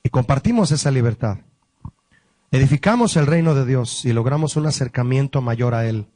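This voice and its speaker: A man, a pastor, teaching a Bible study lesson, explaining word meanings slowly and asking the listeners questions. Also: mid-range voice, expressive, darkish tone, no echo.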